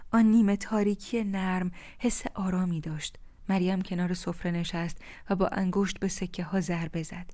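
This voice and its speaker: A woman narrating a first-person story in a calm, measured, contemplative way. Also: on the low side.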